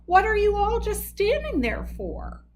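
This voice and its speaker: A high, sing-song moose from a storybook barks orders and whines when things go wrong, as a woman puts him on. He is demanding and loud about it, his voice leaping up and down. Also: huge pitch swings, unhurried, noisy background, exaggerated voice. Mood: whining. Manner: barks orders, then complains loudly. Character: bossy bull moose, demanding and whiny.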